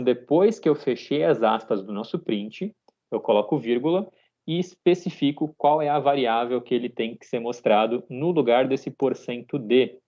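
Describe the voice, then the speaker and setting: A man in his thirties leads a live online programming class, explaining each step patiently and tagging his sentences with a checking "tá?". His voice sits at a middle pitch. The call audio is dull and lo-fi. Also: dark tone. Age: 30s. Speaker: programming teacher.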